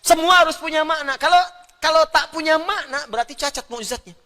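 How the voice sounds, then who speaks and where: Animated male preacher in a reverberant hall. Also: very high-pitched, fast. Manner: animated, playful, demonstrates sounds aloud. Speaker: Islamic preacher. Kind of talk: religious lecture.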